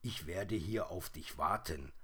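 A man's voice: deep voice, measured pace, pushed and bright, breathy edge, exaggerated voice. A man voicing a small, timid bear cub who speaks meekly and stammers. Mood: sheepish. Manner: meek, sheepish, stammering.

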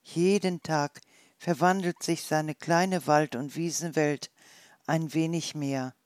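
A storyteller reading a children's animal story aloud in a gentle, measured way. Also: mid-range voice, steady tone, smooth, no echo, studio quality.

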